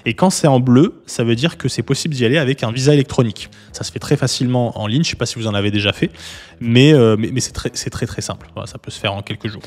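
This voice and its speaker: A man hosting a casual explainer video, talking viewers through a website in a relaxed, chatty way with frequent fillers and restarts. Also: mid-range voice, fast talker, long reverb tail. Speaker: YouTube host, legal consultant. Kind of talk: casual explainer with screen walkthrough.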